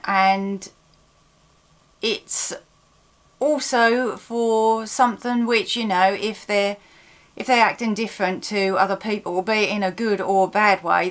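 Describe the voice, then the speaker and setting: A woman with a Suffolk, East Anglian accent hosting an informal, chatty explainer for viewers, using everyday example phrases. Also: medium pitch. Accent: Suffolk, East Anglian English. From Suffolk, England. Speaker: host of a dialect video series.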